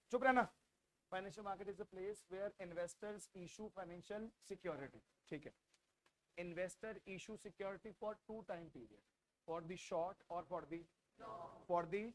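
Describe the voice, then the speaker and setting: Indian guy teaching a class, really high voice, loud, keeps repeating questions for the kids to shout back. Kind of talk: classroom lecture with call-and-response drilling.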